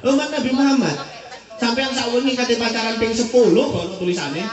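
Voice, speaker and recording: A man preaching with an East Javanese accent, telling stories in a lively way and trading call-and-response with his listeners. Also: extremely high pitch, fast, highs cut off. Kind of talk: sermon. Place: prayer house at a religious celebration. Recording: echoey prayer hall, distant mic, crowd.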